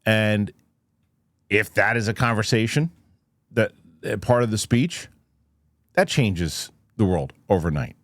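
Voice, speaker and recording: His intonation lively but his delivery halting, a low-voiced host works through casual, unscripted news commentary, skeptical and posing rhetorical questions to viewers as he reasons aloud. The recording is dry, with little room sound.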